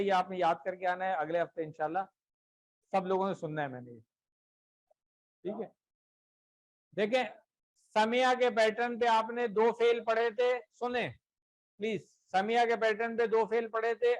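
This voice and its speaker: A man's voice: high-pitched, poor audio. A man teaching a class, patiently drilling verb forms and often checking that students have understood. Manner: slow, deliberate repetition of word lists.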